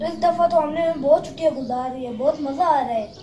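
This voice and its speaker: A woman's voice: high-pitched, a little fast, dark tone, lightly acted. A woman voicing a cheerful young boy in a children's cartoon, chatting with his friends and then speaking to viewers as the host. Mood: friendly. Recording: echoey room with background noise.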